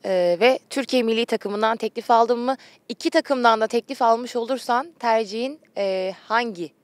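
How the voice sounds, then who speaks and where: A sports interviewer, a woman whose voice is on the high side, puts her questions at a normal speed into a handheld mic out on a training pitch. The recording sounds dry.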